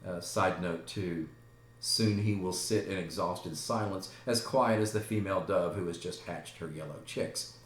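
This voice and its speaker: A man reading a play aloud as a teacher, adding unhurried explanatory side notes. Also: low-pitched, echoey room.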